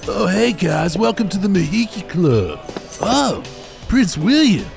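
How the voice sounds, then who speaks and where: A man's voice: high-pitched, big pitch swings, measured pace, vocal fry, music in the background, heavily acted. A man voicing a laid-back nightclub greeter who talks in a casual, slangy, unbothered way.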